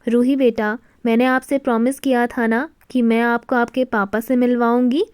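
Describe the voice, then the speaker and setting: A woman's voice: on the high side, little pitch movement, moderate pace, darkish tone, smooth, dry recording, studio quality, close to an everyday voice. A woman voicing a bold, direct young wife who confronts her family with pointed questions. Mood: determined.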